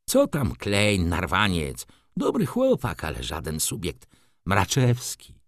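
A man voicing an excitable, fussy old male shop clerk in an audiobook, talking eagerly and persuasively. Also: low-pitched, slow pace, dry recording, studio quality, full character voice. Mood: chattering, gossipy.

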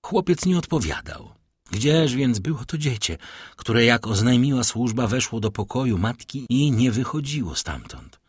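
Husky-voiced male audiobook narrator. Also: mid-range voice, normal speed, no echo, studio quality. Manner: expressive, lively storytelling.

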